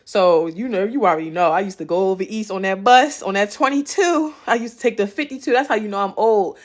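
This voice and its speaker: A woman's voice: medium pitch, brisk. A woman with a Baltimore accent hosts a casual ask-me-anything vlog. She talks in a blunt, profane, streetwise way, laughs easily and keeps checking in with "okay?" as she goes. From Baltimore, West Side. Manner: chatty, loops back with "okay?" and "you know what I'm saying". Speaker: host answering viewer questions.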